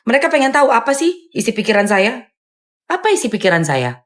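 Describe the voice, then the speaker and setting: A woman hosting a live stream and answering viewer comments in a loud, firm, blunt way, with sharp emphatic rises on dismissive phrases. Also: a little high, sing-song, fairly quick. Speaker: live-stream host and content creator.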